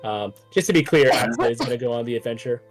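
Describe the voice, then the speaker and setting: A man narrating a tabletop game as game master, animated and casual, swearing freely. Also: mid-range voice, quick pace, over music.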